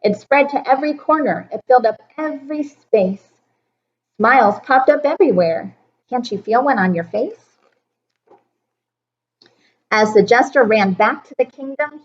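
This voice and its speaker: A woman teacher reading a rhyming picture book aloud to children in an expressive, rhythmic way. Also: a little high, dull audio. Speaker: elementary teacher.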